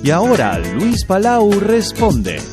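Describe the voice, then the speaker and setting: A man's voice: high voice, huge pitch swings, slow pace. Formal radio announcer man over music. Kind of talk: scripted program announcement. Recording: radio program with music bed.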